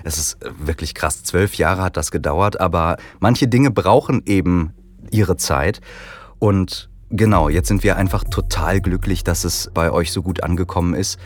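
A podcast host with a low voice chats casually and explains things in a friendly way at a moderate pace, though he clearly has a cold. Faint music plays in the background.

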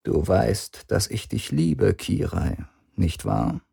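A man voicing a cold, possessive, menacing father who speaks softly and threatens. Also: lowish voice, very animated, slow pace, gravelly, slightly rough, full character voice. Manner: soft-spoken and threatening.

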